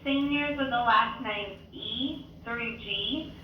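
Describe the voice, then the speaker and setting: A woman making a polite, formal school intercom announcement, repeating her message, heard over a loudspeaker in a classroom. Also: on the high side, takes it slowly, muffled recording, a little hiss or hum. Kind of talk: public address announcement. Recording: echoey distant loudspeaker in classroom.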